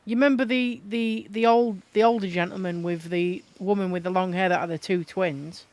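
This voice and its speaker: A man with a high voice chats casually as a co-host. He speaks haltingly, doubling back on words. The recording is dry, with little room sound. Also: fairly even intonation, no room sound. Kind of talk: casual chat.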